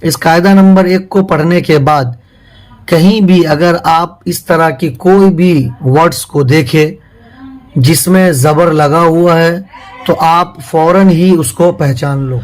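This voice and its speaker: A man teaching Quran reading step by step, drawing out each syllable slowly in drills between plain explanations. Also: fairly high pitch, steady tone, rough recording.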